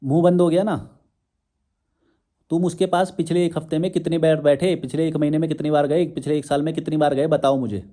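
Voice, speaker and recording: A man's voice: on the high side, flat delivery, a little fast, dark tone. A young man giving a confrontational monologue to his viewers, firing rhetorical questions and challenges. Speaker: social media commentator.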